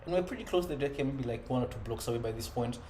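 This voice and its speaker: A man's voice: mid-range voice, animated, racing, dark tone. Earnest father talking in an echoey room. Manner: earnest, conversational, frequent "you know" and "right?". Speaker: self-improvement vlogger. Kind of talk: reflective personal monologue. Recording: echoey room with faint ambient noise.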